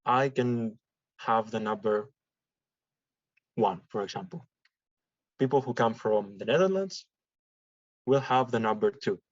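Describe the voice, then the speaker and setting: A man's voice: fairly low pitch, lively intonation, dry recording. Man lecturing in class. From Greece. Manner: explains slowly with examples and repetition. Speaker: statistics lecturer. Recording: dull dry lecture recording.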